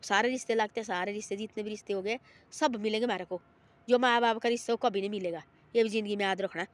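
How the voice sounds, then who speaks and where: A woman's voice: mid-range voice, fast. Woman, informal storyteller; loose, repetitive delivery that slips into the voices of her characters.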